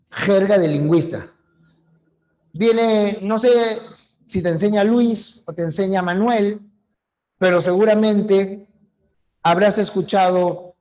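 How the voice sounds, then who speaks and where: A man's voice: high voice, darkish tone. A man teaching a language class online, explaining terms and talking straight to his students. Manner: explanatory, acts out examples, addresses students directly.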